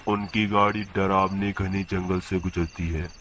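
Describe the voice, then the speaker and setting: A man narrating a cartoon story in a plain, steady storytelling manner. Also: deep voice, unhurried, slight background noise.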